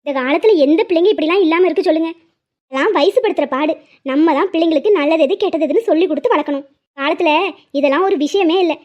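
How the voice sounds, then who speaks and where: Voicing a cartoon mother who is middle-aged, wealthy and kind, this woman talks quickly in a very high pitch. She sounds earnest and reassuring over dull, lo-fi audio.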